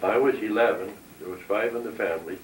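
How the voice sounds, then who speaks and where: An elderly war veteran from North Dakota, 70s or older, recounts his life plainly and matter-of-factly in an oral history interview. His voice is on the low side and moves at a quick pace. The mic is distant, so the sound is roomy with background hiss.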